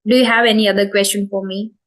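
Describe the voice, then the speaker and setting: Fast and flat, a mid-range female voice with an Indian English accent answers interview questions about her spoken English channel. The host, in her twenties, responds thoughtfully but uses many fillers and keeps correcting herself.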